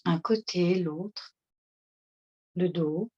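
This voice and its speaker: A woman leading a guided seated relaxation session, speaking in a slow, soothing, instructive way. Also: lowish voice, dark tone, breathy edge. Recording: dull lo-fi recording.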